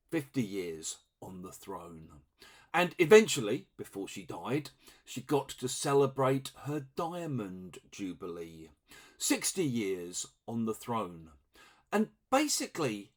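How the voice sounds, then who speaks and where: An English teacher from England, a middle-aged man with a mid-range voice, explains vocabulary to learners. His style is relaxed and conversational, and he acts out brief example dialogues.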